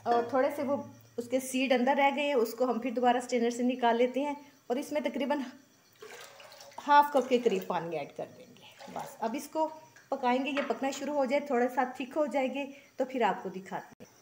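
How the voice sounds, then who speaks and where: In her home kitchen, a woman from Pakistan narrates a casual cooking tutorial, explaining each recipe step in a chatty, homely way peppered with blessings. Her high-pitched voice has a darkish tone at normal speed, with a little hiss or hum in the background.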